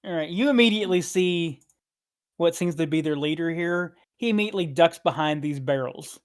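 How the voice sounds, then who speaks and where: A man's voice: on the high side, fairly quick. A man running a tabletop fantasy game as game master, narrating casually.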